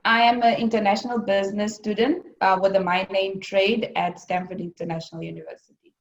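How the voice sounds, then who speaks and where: A woman's voice: medium pitch, little pitch movement, fairly quick. A woman student from Namibia, speaking thoughtfully on a video call. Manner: thoughtful, with ums. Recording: echoey muffled call audio.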